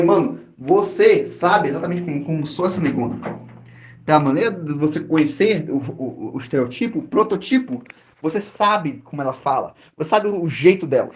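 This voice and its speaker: A man with a Brazilian Portuguese accent, co-hosting a podcast in casual chat, talking in a blunt, animated way, swearing and breaking off into quick restarts. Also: a little high. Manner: animated and blunt, swears, trails off into restarts, quickly mimics other people's lines. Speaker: podcast co-host.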